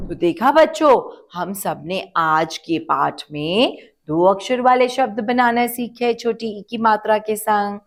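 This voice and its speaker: A woman teacher giving a children's phonics lesson, stretching out syllables and asking the kids to repeat words. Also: medium pitch. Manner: slow, drawn-out syllables, asks children to repeat.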